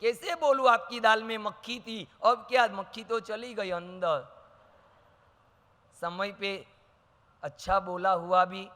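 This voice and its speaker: A man's voice: sits high, bright, forceful tone, big-room sound. A man preaching as a monk, delivering a sermon with anecdotes and acting out the dialogue, asking rhetorical questions. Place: large hall with audience.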